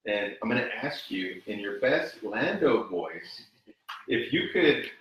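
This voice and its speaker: A man's voice: fairly low pitch, very animated, measured pace, a bit bright. A man hosting a podcast, chatting casually and easygoing. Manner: easygoing, laughs readily. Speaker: podcast host. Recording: echoey room, distant mic, faint noise.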